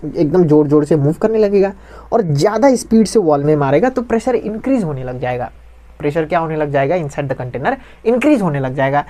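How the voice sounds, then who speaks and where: A man's voice: on the high side, mellow. A man teaching a physics lecture, who keeps asking questions and answering them himself and repeats key phrases.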